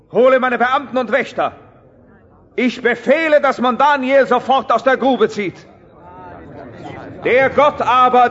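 A booming, commanding king, voice raised high, proclaiming slowly and forcefully in a radio play. The recording is slightly muffled. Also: in a large hall, full character voice.

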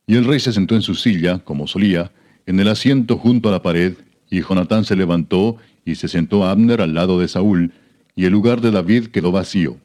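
A man reading scripture aloud in a measured, solemn narration. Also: deep voice, a little mellow. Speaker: scripture reader.

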